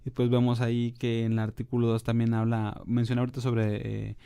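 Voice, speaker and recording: Measured Mexican male radio host. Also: medium pitch, completely flat delivery, vocal fry, mellow, clear, resonant tone, no room sound, studio quality. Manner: measured, explanatory, hesitant fillers. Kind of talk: radio talk show interview.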